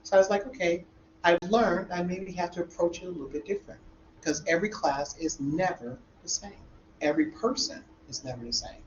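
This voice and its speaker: A man who teaches college algebra, telling an animated classroom story in a discussion group and acting out the dialogue. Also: high-pitched, a little fast. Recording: roomy, dull sound with faint room noise.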